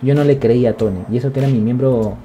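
Excitable male streamer, very dark voice, rambling swear-heavy chat over faint music. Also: medium pitch, fast, slight background noise. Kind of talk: casual live-stream chat.

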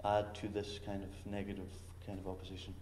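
A man speaks reflectively on a festival panel and pauses often to find words. His voice is low and mellow. The room is roomy and echoing, with faint background noise. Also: completely flat delivery. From Northern Ireland. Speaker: visiting artist. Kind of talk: casual panel talk.

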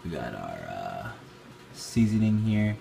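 A rumbling low voice with vocal fry, big pitch swings, and a slow pace belongs to a man hosting a jokey home-kitchen cooking vlog as an amateur. He narrates casually, recorded noisily on a handheld phone or camera.

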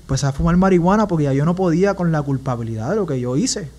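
Earnest Puerto Rican man, slightly high voice. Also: lively intonation, fast, mellow. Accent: Puerto Rican Spanish. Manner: earnest, emotional storytelling. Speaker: podcast guest. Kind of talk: personal testimony in a casual interview.

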